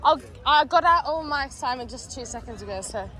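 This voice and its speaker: A young woman chatting excitedly with friends at a festival, giggly and swearing casually, sneezy as she talks, filmed on a phone outdoors. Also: high voice, quick pace. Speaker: vlogger with friends. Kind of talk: casual chat. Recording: phone video at a noisy outdoor fair. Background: loud music and crowd.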